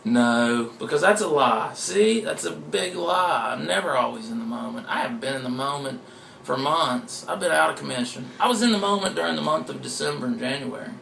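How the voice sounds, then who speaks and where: Gravelly guy author rambling and cussing, mocking himself, roomy echo around him. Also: fairly high pitch, animated, a little fast, a bit bright, slight background noise. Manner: meandering, profane, self-mocking. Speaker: author being interviewed. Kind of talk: casual rambling interview talk. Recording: roomy echoey room.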